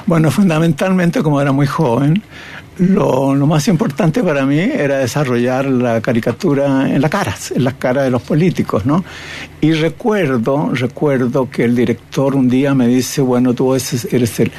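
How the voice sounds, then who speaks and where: A man's voice: mid-range voice, moderate pace, mellow, slight background noise. An older man, a cartoonist and painter reflecting on his career in an interview, often tagging his phrases with "¿no?". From Chile. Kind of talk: reminiscing interview.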